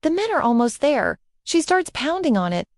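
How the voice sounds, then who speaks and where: A woman's voice: high-pitched, very animated, normal speed, no echo. A woman narrating a storybook and reading every part and cue aloud.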